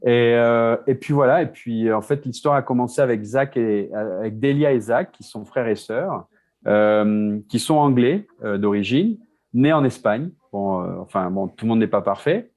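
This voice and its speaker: A man from France speaks as a guest in a relaxed interview, his voice sitting at an ordinary middle pitch. He stops and restarts often, repeating small words as he searches for the next phrase. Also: moderate pace. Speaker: guest, beer business co-founder. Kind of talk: casual interview talk. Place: Mexico City.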